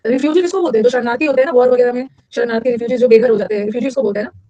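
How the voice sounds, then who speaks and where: A middle-aged woman, teaching vocabulary in a lecture and drilling words with quick repetition and questions to her students. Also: fairly high pitch, warm tone, dry recording, dull audio.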